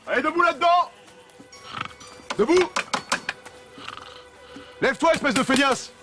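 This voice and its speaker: A man's voice: mid-range voice, fast, music in the background, lightly acted. An actor playing a zealous, servile slave promoted to bossy foreman, speaking officiously in a period comedy film. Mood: barking, impatient.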